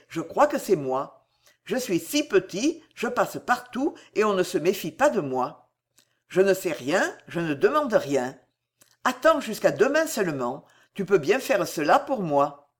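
A reader voicing a small, devoted young man in an audiobook, who speaks softly and simply. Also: medium pitch, very animated, measured pace, husky. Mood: tender. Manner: soft, tender, simple. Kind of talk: audiobook character voice.

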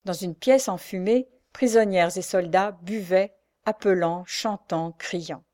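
A woman reading a novel aloud in calm, measured narration. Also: lowish voice, no echo, studio quality. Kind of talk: scripted audiobook narration of a novel.

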